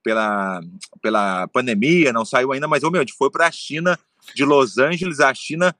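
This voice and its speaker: A man telling a long story in casual chat, animated and swearing, acting out what others said. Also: mid-range voice, moderate pace, no echo, clean studio sound. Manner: animated, swearing, acts out quotes. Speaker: storyteller guest.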